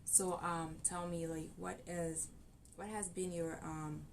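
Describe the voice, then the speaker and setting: A woman's voice: on the low side, little pitch movement, slow, slight background noise. A woman hosting a talk show, asking questions in a chatty, curious way and laughing easily. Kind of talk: casual interview chat.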